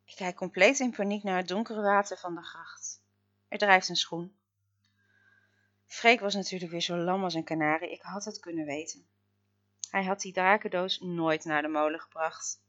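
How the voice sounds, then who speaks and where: Lowish-voiced woman narrating a dramatic story. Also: steady tone, normal speed, muffled recording. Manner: dramatic, swinging between loud outbursts and hushed murmurs. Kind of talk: first-person story narration.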